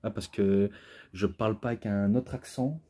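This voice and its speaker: A man's voice: fairly low pitch, steady tone, moderate pace, mellow. A man giving a rambling, casual spoken review who gets carried away as he talks, with an imposing voice. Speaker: wrestling DVD reviewer.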